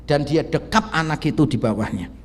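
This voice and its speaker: A man preaches in a relaxed, conversational way, voicing both sides of the talks he recounts. His carries a light tinge, and his voice sits a little high. The sound rings out with the long reverb of a church hall. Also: moderate pace. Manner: conversational storytelling, acts out dialogue. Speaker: pastor. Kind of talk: sermon.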